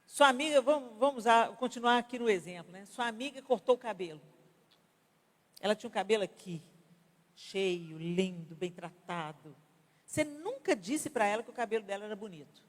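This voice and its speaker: A Brazilian woman pastor in her fifties, preaching at a women's conference in an animated, conversational way with acted-out examples. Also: mid-range voice, normal speed. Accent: Brazilian Portuguese. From Brazil (Belo Horizonte). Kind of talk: conference sermon. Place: large church conference hall. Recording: reverberant church hall.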